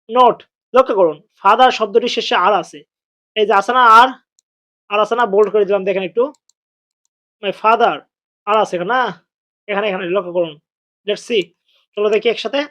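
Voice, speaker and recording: A man teaching English pronunciation, repeating phrases slowly and spelling words letter by letter. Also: sits high, fairly bright tone. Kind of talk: spoken lesson. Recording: dull lo-fi recording.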